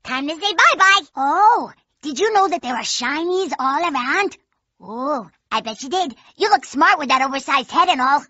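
A woman voicing a feisty, eccentric young female badger raised in the jungle, a quirky, excitable character from an animated video game. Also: high voice, normal speed, no room sound, lo-fi sound. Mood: excited, feisty.

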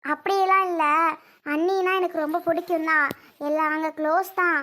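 Tearful young wife , played by a child, high and bright, pleading. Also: steady tone, a little fast. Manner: soft, pleading, apologetic. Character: tearful young married woman, gentle and pleading. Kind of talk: homemade family drama.

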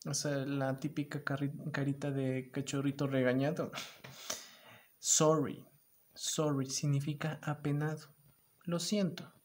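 A man's voice: medium pitch, little pitch movement, moderate pace, darkish tone. A man teaching an online lesson to young children, acting out emotions and repeating the English words emphatically.

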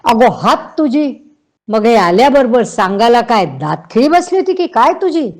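A woman voicing a blunt, outspoken older aunt who teases and scolds loudly, in a read-aloud novel. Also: on the high side, sing-song, normal speed, voice pushed up. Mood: teasing, scolding. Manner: loud, scolding, exclaiming.

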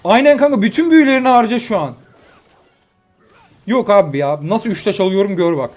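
A young man with a high voice commentates his game matches as he plays, swinging from cheerful chatter to exasperated outbursts aimed at his opponent. Faint music runs behind him. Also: a little fast. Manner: excitable, frustrated outbursts, talks to opponent. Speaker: gaming YouTuber. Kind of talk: live gameplay commentary.

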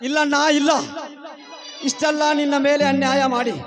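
A man playing a high-voiced avenging hero. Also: level tone, moderate pace. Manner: forceful accusing stage declamation. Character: righteous avenging younger brother, hero. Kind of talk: stage drama acting. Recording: stage music behind.

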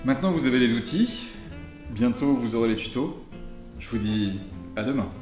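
A man's voice: mid-range voice, lively intonation, moderate pace, a little mellow. Joking man presenting cars in a roomy garage. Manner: tongue-in-cheek, joking asides and slang. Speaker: host of a car show. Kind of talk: casual scripted car presentation to camera. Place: garage, indoors. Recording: roomy garage echo, faint music behind.

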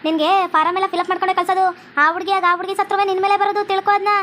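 A woman's voice: very high-pitched, steady tone, very fast, a bit bright, slight background noise. A woman, scolding and threatening as a stern police officer in a village comedy skit. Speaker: comedy sketch creator playing a police officer.

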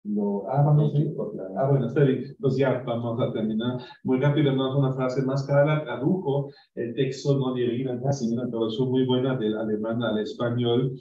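A man speaks unscripted at a university book presentation, wandering between points and checking in with tag questions. His voice is dark and mellow. It is picked up from a distance in a roomy space, and the live-stream audio sounds dull. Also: mid-range voice, fairly even intonation, moderate pace. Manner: digressive, frequent tag questions and restarts. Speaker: book presenter at an academic conference. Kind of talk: spontaneous academic talk. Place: university venue.

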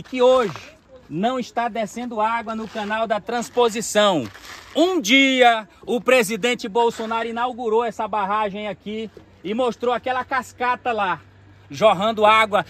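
A man's voice: high-pitched, bright, forceful tone. A man, recording an outdoor political vlog on a phone by a dam, speaking combatively and calling out the president. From Maranhão, Brazil. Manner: combative, addresses the president directly, gestures emphatically. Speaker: political vlogger. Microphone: phone camera, selfie framing.

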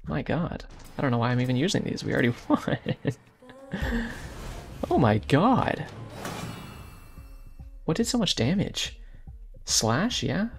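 Young guy chatting over a game, soft voice, bit of fry, faint music behind. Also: mid-range voice. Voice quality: soft-spoken, gravelly. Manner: chatty, rambling asides with jokey tangents. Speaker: gaming YouTuber. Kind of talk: casual gameplay commentary.

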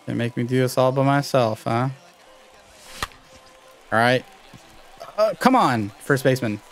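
Excitable young man commentating his gameplay. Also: mid-range voice, normal speed. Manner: excitable, talks to viewers while playing. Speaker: gaming YouTuber.

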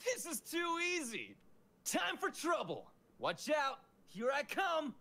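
An actor playing a cocky, swaggering young gunslinger for a game. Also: male voice, very high voice, wildly swooping pitch, takes it slowly, gravelly, bright, forceful tone, heavily acted. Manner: swaggering, boastful.

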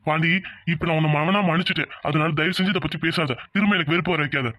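A man's voice: fairly high pitch, fast talker, pushed and bright, no room sound. A man voicing a proud, stern middle-aged village father in a cartoon, commanding in tone. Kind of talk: cartoon dubbing. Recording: dull lo-fi audio.

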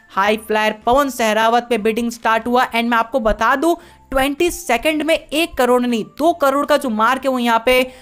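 A woman gives a brisk voice-over recap of auction results. Her voice sits slightly high and she keeps a steady listing rhythm, dropping English words into Hindi sentences. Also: smooth. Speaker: sports video narrator.

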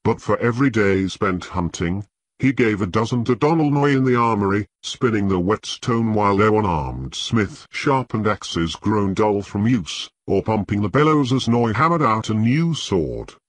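Guy reading an audiobook slow and measured, lively tone, dry close sound. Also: lowish voice, dry recording. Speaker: audiobook narrator. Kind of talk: scripted narration.

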